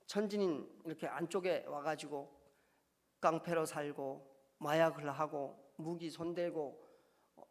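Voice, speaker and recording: A man from North Korea, a pastor, giving an earnest testimony sermon that swells into impassioned cries. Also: fairly high pitch. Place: church sanctuary. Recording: long reverb of a church hall.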